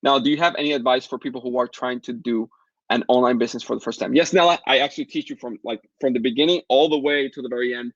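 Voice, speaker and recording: In a muffled recording without echo, a native Spanish speaker from the Caribbean answers questions from the chat during a live webinar. He speaks with a Latin American Spanish accent, pitching his course at a fast, upbeat clip.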